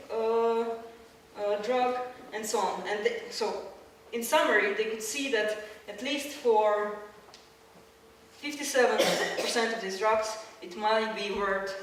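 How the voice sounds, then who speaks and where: A woman from Croatia gives a public science lecture with slides in a lecture hall, explaining step by step with many fillers and restarts. Her voice is fairly high. The distant mic picks up an echoey hall and a little hiss or hum.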